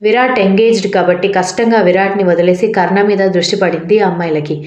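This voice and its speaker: A woman reading a romance story aloud in a steady narrating manner. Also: mid-range voice, fast, roomy sound.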